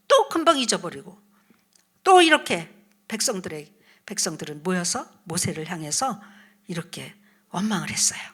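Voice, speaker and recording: A woman evangelist tells a Bible story to children with animated storytelling. Her voice is bright and sits slightly high. She poses questions to her young listeners and slips into soft whispers.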